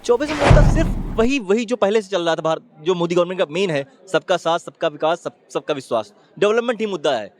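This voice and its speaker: A man's voice: sits high, animated, quick pace, hardly any pauses. A man giving his opinion in a street interview, talking in an emphatic, argumentative way and often urging the listener to look.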